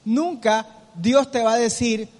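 A middle-aged man preaching a sermon, lively and animated, acting out family members and slowing down for emphasis. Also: very high voice, big-room sound.

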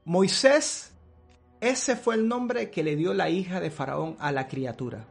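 A man's voice: on the high side, sing-song, normal speed, vocal fry, slightly rough, faint music behind. A man preaching through a dramatized, theatrical retelling of a story.

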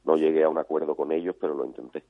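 A man's voice: a bass voice, fairly even intonation, racing, dry recording. A man, a cattle breeder answering interview questions hesitantly, often repeating words. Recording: dry, phone-like line.

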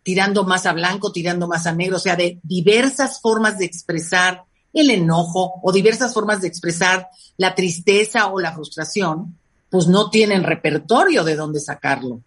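A woman with a Mexican accent, a guest expert talking about family life in an animated, expressive way. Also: on the low side, moderate pace, breathy edge. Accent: Mexican Spanish. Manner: animated, acts out quoted parents in lively voices. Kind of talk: conversational interview.

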